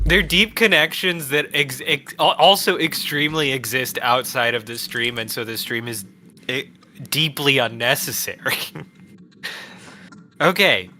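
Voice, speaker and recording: A man's voice: medium pitch, measured pace, pushed and bright, slight background noise. Sarcastic, profane young man streaming. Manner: sarcastic, profane, rambling banter. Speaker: streamer co-host. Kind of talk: casual game stream chat. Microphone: headset.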